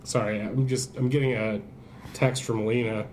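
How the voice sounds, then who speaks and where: A man's voice: lowish voice, steady tone, moderate pace, a little mellow, lightly acted. A man playing a griping, flustered podcast host in an audio drama, rambling and stammering as in casual chat. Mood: exasperated. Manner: rambling, stammering, sweary, exasperated. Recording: clearly noisy background.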